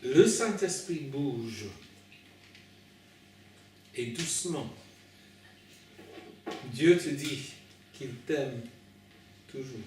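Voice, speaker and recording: A man who is not a native French speaker preaches informally in French with a foreign accent, in a halting, hesitant way, repeating and correcting his words as he addresses listeners directly. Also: mid-range voice, animated. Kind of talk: informal sermon at an evening meeting. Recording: very echoey room, distant mic, faint noise.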